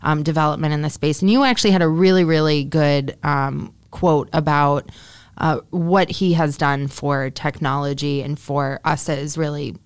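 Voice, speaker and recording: A woman's voice: low-pitched, fairly even intonation, normal speed, smooth, no room sound. A woman co-hosting a casual tech news chat, talking in a chatty way with lots of fillers. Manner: chatty, laughs often, many fillers. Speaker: podcast co-host.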